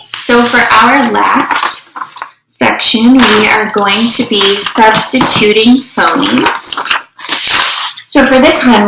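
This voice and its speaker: A woman teacher leading a phonics drill, slowly and deliberately sounding out each part of a word. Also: medium pitch, bright, forceful tone, a little hiss or hum. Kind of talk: slow phonemic awareness drill for young students. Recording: echoey room.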